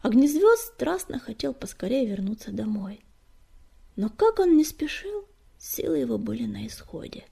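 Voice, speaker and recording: A woman reading an audiobook aloud in a soft, breathy way that often sinks to a whisper. Her voice sits a little high but sounds dark, with a gravelly, husky texture. The telling stays close and gentle. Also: very animated, moderate pace. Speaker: audiobook narrator. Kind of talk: audiobook narration.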